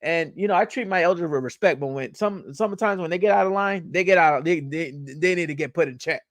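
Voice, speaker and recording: A man's voice: a little high, a little fast, a bit bright, dry recording, clean studio sound. A young man hosting a podcast, reading news aloud and ranting about it, stumbling over words, repeating himself and swearing as he gets heated. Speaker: podcast host.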